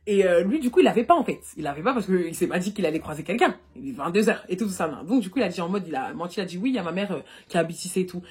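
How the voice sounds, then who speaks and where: A young woman vlogger telling a personal story in a casual storytime monologue, animated and full of fillers, recorded on a phone. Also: fairly low pitch, breathy edge. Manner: rapid and animated, full of fillers like "et tout" and "du coup".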